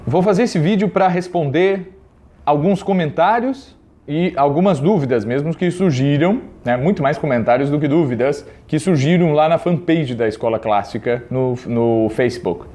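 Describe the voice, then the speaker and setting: Brazilian male teacher, slightly high voice, casual and hesitant video lesson. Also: dark tone. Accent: Brazilian Portuguese. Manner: hesitant, with many fillers and restarts; reads passages slowly and deliberately. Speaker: Latin and Greek teacher.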